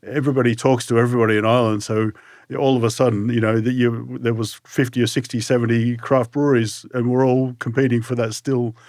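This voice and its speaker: A man's voice: mid-range voice, flat delivery, quick pace, a little mellow, no room sound, studio quality. A man with an Australian accent chats casually as an interview guest, circling his point with many loose asides. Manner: hedging and circling, many "you know" and "sort of" asides. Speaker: brewery co-founder, guest.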